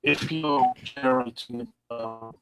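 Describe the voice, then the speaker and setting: Man, glitchy breaking call audio, patient explainer, mid-pitched voice. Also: takes it slowly, over music. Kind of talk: casual tech talk show discussion.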